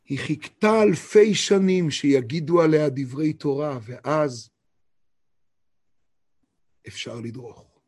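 A man giving a Torah lesson. He reads verses slowly and talks emphatically, asking rhetorical questions. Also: fairly high pitch, darkish tone, slightly rough. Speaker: Torah teacher.

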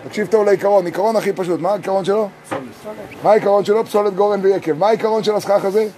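A high-voiced male rabbi teaches a small group inside a sukkah. He moves between storytelling and slow chanting of verses, and he keeps asking his listeners questions. Faint noise sits behind him. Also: steady tone, warm tone.

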